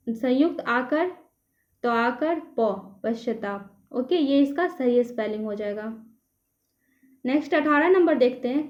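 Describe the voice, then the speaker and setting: A woman teacher taking a class through an exam prep lesson, patiently checking each answer option in turn. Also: high voice. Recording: echoey room, slightly dull sound.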